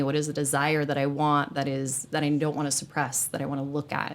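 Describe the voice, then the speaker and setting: A woman hosting a casual group discussion, speaking earnestly and acting out the people she quotes. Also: low-pitched. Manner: earnest, animated, acts out quoted speech.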